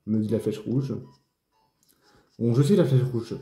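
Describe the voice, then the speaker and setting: A man's voice: mid-range voice, expressive, a little slow, dark tone. Brief: man, let's play host, hesitant casual commentary, echoey room. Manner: thinks aloud, hesitant with many restarts and fillers. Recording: roomy echo, faint game music.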